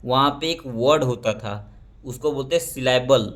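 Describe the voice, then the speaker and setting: A man gives an exam prep history lecture at an ordinary mid pitch, moving through it step by step. He asks a question, answers it himself and checks in with "ठीक है" between points. He reads English textbook lines slowly and points at pictures as he explains. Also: fairly bright tone. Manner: explains step by step, asking and answering his own questions, often adding "ठीक है". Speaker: teacher.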